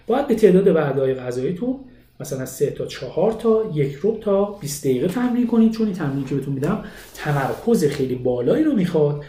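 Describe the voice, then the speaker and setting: A man teaching a language lesson, explaining study methods with lively, rising emphasis. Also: a little high, roomy sound. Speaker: English teacher.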